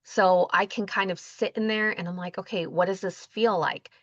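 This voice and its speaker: A woman, a guest on an interview, telling stories in a casual, animated way and acting out the dialogue. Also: lowish voice, moderate pace, no room sound, highs cut off. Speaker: guest, intuitive energy healer.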